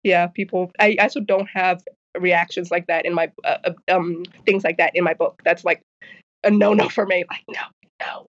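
A woman's voice: lowish voice, fairly even intonation, moderate pace. A woman author, a guest in a casual interview, who stutters with repeated sounds and blocks and laughs often. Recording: slightly dull lo-fi audio.

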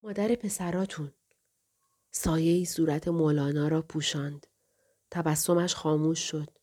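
Mellow woman narrating a novel. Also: low-pitched, level tone. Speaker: audiobook narrator. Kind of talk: first-person novel narration.

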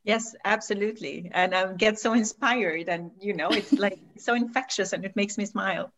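A woman co-hosting a podcast, warm and effusive, sometimes searching for her words as she asks questions. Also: mid-range voice, normal speed. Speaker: podcast co-host. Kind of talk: casual interview chat.

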